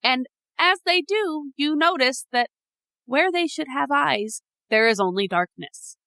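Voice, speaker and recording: Her voice is high, animated and sharp, and she talks a little slowly. This podcast co-host casually walks her friend through a spooky scenario, laughing often and teasing like a practiced storyteller.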